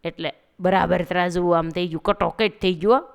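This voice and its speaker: A woman narrating a devotional story, talking lively and directly to her listeners. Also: fairly low pitch, fairly quick, gravelly, clean tone.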